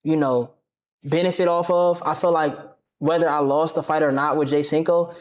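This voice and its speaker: Brief: young male streamer guest, lively slangy delivery, mid-pitch. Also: moderate pace. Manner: animated, confrontational, slangy. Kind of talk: casual interview talk.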